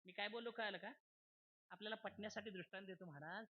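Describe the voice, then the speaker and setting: A man's voice: high voice, quick pace. Folksy kirtan preacher, man. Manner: folksy, keeps checking the crowd follows. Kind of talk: humorous devotional sermon. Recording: dull lo-fi recording.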